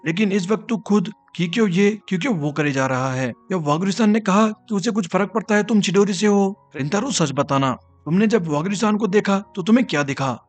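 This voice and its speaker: A man's voice: high-pitched, animated, brisk, hardly any pauses, soft background music. A man voicing a blunt mother who scolds her teenage son in a bossy way. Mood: scolding.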